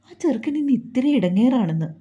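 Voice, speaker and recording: A woman's voice: on the high side, expressive, quick pace, dark tone, close to an everyday voice. A woman voicing a caring older female helper who chides fondly and asks many questions. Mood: gossipy.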